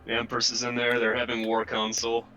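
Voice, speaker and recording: A man's voice: mid-range voice, completely flat delivery, fairly quick, bright, forceful tone, faint music behind, rough recording. A man playing a tabletop game over voice chat, talking in a loose, rambling way with lots of fillers. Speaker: player.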